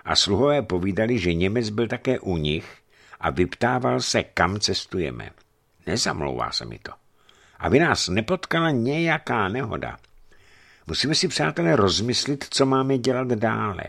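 A man reading a story and voicing a serious, thoughtful leader who speaks slowly and earnestly to his companions. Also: fairly low pitch, big pitch swings, creaky, fairly bright tone, voice pushed up, heavily acted. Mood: earnest, cautious. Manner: slow, deliberate, earnest. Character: grave, thoughtful Russian male leader, middle-aged.

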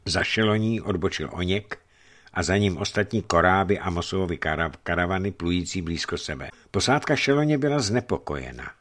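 A man narrating an adventure story in a measured, dramatic reading voice. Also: low-pitched, animated, a bit bright. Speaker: audiobook reader.

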